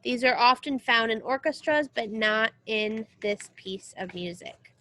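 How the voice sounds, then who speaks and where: The audio quality is poor, and her somewhat high voice has a sharp tone as she reads unhurriedly. Playing a music teacher, she reads a children's book to young listeners in an explanatory lesson, going back and forth between the text and brief asides.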